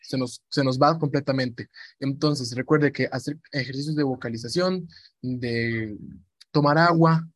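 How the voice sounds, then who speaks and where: A man's voice: medium pitch, a little slow, no room sound. A man gives an informal lesson on radio presenting, chatty, repeating himself and acting out example voices.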